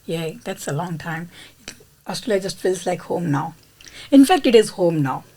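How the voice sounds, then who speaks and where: A woman's voice: fairly low pitch, lively intonation, moderate pace, vocal fry, dark tone. A woman hosting a podcast interview, speaking in an effusive, encouraging way. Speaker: podcast host.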